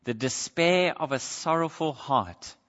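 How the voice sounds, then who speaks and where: Bright-voiced male preacher in echoing hall. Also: a little high, lively intonation, a little slow. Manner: earnest, rises and falls between quiet pleading and raised emphasis. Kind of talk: sermon. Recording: dull lo-fi sound with long hall reverb.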